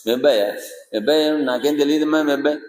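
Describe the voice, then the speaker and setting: A shrewd old curd seller haggles in a teasing, bargaining tone, as a man voices him in a sermon. The voice is fairly high for a man. It rings out in a reverberant hall. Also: fast talker, a little mellow, natural voice. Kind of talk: storytelling within a sermon.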